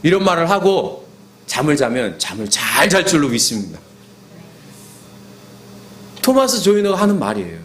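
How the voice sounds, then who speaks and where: A man preaching a sermon as pastor, animated, dropping to soft asides. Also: fairly high pitch, normal speed, long pauses, slight background noise. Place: church sanctuary.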